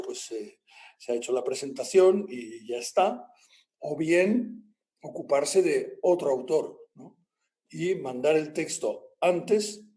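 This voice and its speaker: Mellow-voiced male lecturer, rambling chat. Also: a little high. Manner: rambling, ends phrases with a tag question, many fillers. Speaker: university lecturer. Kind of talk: informal lecture to a class.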